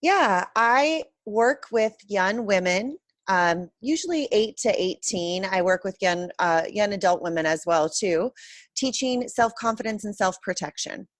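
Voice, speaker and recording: A woman's voice: mid-range voice, lively intonation, unhurried, no room sound. A woman answering interview questions as a guest in a candid, reflective conversational way. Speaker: interview guest, self-confidence coach.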